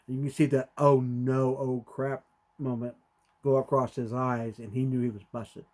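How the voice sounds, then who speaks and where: A podcast co-host tells stories conversationally in a brisk, mid-range voice. He's animated, acting out quotes with sudden loud jumps.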